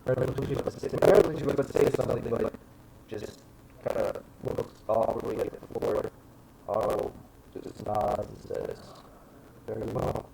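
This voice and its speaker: A man narrating as game master, rambling and hesitant, often pausing with fillers. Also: lowish voice, little pitch movement, creaky. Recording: noisy background.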